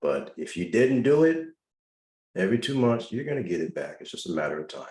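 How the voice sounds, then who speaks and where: A man with a very low, deep voice hosts a live video-call class and fields questions from callers. He speaks in an instructive way and drives his points home through repetition. The sound is roomy, with a noticeable echo around him. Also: big pitch swings, fairly quick, a little mellow. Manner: instructive, repeats advice with emphasis. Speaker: host answering caller questions.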